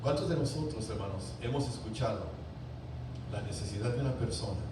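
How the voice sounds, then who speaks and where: A man preaching a sermon to his congregation, fervent, with loud emphatic peaks, quiet drops and many rhetorical questions. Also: on the low side, a little fast. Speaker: pastor. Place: large church sanctuary. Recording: very echoey church, voice from a distance, faint room hiss.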